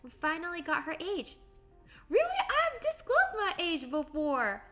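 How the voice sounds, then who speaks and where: Faint music sits behind a late-twenties streamer whose very high, sharp voice swings hugely in pitch at a measured pace. Drawing on stream, she chats in a bubbly, casual way and reads viewers' comments aloud.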